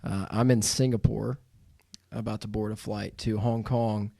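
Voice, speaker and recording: A man hosting a podcast in a studio, telling stories in a lively, laughing way. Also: on the low side, a little slow, vocal fry, no echo. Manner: animated storyteller, laughs while telling. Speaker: podcast host. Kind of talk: casual podcast chat.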